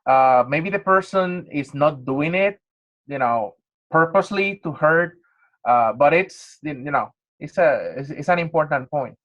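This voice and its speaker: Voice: mid-range voice, animated, a little slow, a bit bright, highs cut off. A workshop facilitator leading a group discussion, affirming points with fillers.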